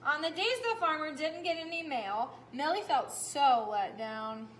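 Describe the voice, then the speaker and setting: A woman teacher reading a picture book aloud to young children, animated, stopping often to ask them questions. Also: high voice, unhurried, slight background noise.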